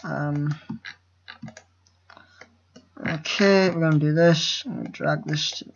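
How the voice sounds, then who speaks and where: Here the recording has its highs cut off, and the speaker talks slowly at a medium pitch with a steady tone and vocal fry. A nervous, rambling game-making tutorial host on a first attempt, they explain a screen recording, trip over words, interrupt themselves and swear casually.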